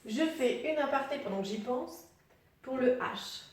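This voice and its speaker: A woman teaching English pronunciation online, spelling out letter sounds slowly and patiently and putting questions to the viewer. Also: sits high, expressive, distant mic, slight background noise. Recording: very echoey room, voice set back from the mic.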